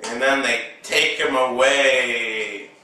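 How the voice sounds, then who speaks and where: A man recapping a movie casually with toy figures, excitable and adding his own sound effects. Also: medium pitch. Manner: excitable, slow storyteller, makes sound effects. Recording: very echoey room, mic at a distance.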